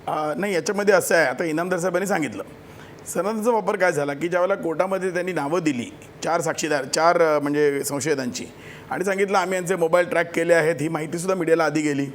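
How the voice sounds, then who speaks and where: A man's voice: fairly high pitch, quick pace, a little hiss or hum. A man, a lawyer on a TV news panel, arguing combatively and talking over the other guests. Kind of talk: heated TV panel debate.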